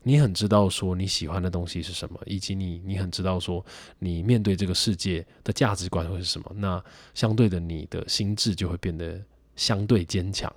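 A young man with a Taiwanese Mandarin accent hosts a casual solo podcast, reflective and rambling with lots of fillers. His voice sits low with a steady tone and a brisk pace, recorded with no room sound.

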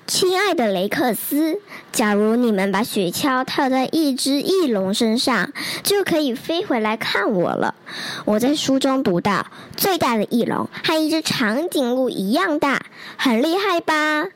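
女声演绎的贴心小男孩. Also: female voice, high voice, sing-song, unhurried. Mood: excited. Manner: affectionate, earnest, simple childlike phrasing. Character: caring little boy writing fondly to dinosaur friend. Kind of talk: storybook character letters read to a toddler.

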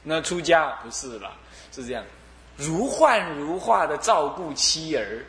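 A man's voice: on the high side, sing-song, a little slow, a crowd in the background. Man, Taiwanese Mandarin accent, Buddhist sermon, rhetorical questions, laughs between points, roomy lecture hall. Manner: chuckling, asks the audience rhetorical questions again and again. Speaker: Buddhist abbot lecturing on a sutra.

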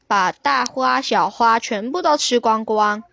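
Slow, gentle woman storyteller. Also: on the high side, gravelly, no room sound. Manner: gentle, slow, warmly explaining to children. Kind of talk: children's story reading.

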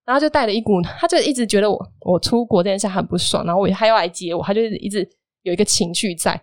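A woman's voice: medium pitch, fast talker, no room sound, studio quality. A woman, casually recounting a personal story on a podcast and acting out the dialogue. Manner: lively storytelling, animated retelling of dialogue. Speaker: guest telling a personal story.

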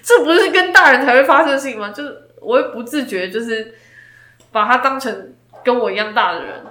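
A woman's voice: on the high side, brisk, roomy sound, slight background noise. A woman, co-hosting a casual chat and acting out her own stories. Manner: animated storytelling, acts out her own quoted lines. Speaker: podcast co-host.

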